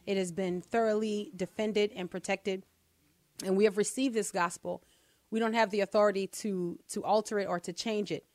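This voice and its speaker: A woman's voice: mid-range voice, steady tone, normal speed, a little mellow, no echo. A woman co-hosting a radio show, teaching scripture in an emphatic, fervent way, repeating phrases for emphasis. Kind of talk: impassioned radio Bible teaching. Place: radio studio.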